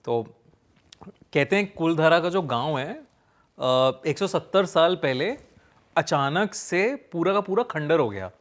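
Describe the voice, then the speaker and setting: Man telling a spooky tale, halting. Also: on the high side, animated. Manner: hesitant, fillers, builds suspense slowly. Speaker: storyteller guest. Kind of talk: casual spoken ghost story.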